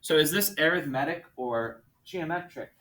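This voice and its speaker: A man teaching a math class, walking students through problems with brisk, coaxing questions. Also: on the high side, sharp tone.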